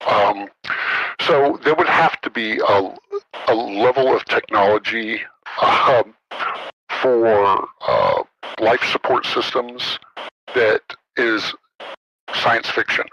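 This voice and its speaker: A man's voice: medium pitch, expressive, takes it slowly, pauses often, sharp tone, slightly rough, no room sound, highs cut off. A man speaking through a voice alteration that disguises his identity, a former military official talking carefully and hesitantly, with many ums and uhs, in a podcast interview.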